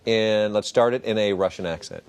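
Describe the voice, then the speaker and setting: A man's voice: lowish voice, fairly quick, clear, resonant tone. A man co-hosting a TV talk show, teasing the guest and setting up games. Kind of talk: casual TV chat.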